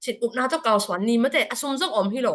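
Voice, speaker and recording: A woman's voice: sits high, expressive, racing, fairly bright tone. A woman speaking at a church prayer fellowship service, giving a spoken report to the congregation with frequent hesitation fillers.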